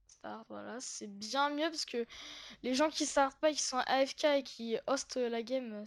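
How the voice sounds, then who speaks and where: Woman gamer for a casual commentary read: high voice, giggly, hesitant fillers. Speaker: gaming YouTuber.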